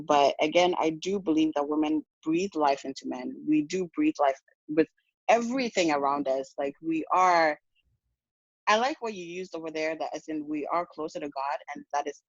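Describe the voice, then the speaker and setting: A woman's voice: low-pitched, no echo. Woman from Ghana, podcast guest; earnest, frank, self-correcting; lo-fi dry recording. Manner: earnest, frank, with many restarts and "you know". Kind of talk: casual podcast conversation.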